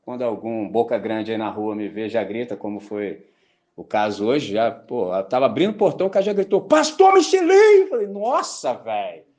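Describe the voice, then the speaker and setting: This is a male pastor preaching at a normal speed, his pitch fairly low. He has a Brazilian Portuguese accent and a conversational style, often asking "entendeu?" and doing voices to animate his stories.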